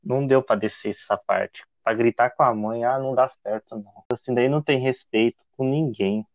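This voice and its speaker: Man co-host, mid pitch, short agreeing comments, dry muffled recording. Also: normal speed, no echo. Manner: brief agreeing interjections, relaxed comments. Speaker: podcast co-host. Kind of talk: casual chat.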